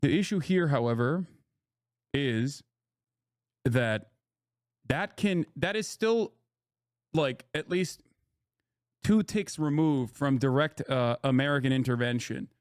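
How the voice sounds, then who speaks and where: A man's voice: medium pitch, expressive, slow pace, long pauses, dry recording, studio quality. A man hosting a live stream, ranting to his chat in a profane, emphatic way. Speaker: streamer host reacting to news. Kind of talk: casual live-stream commentary.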